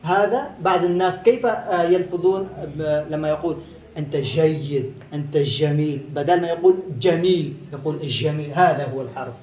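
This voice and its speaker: A man from Afghanistan, a native Pashto speaker, gives an informal language lesson. He repeats each letter sound slowly several times, in halting non-native phrasing. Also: fairly high pitch, a little mellow, a little hiss or hum. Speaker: language teacher. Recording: echoey room.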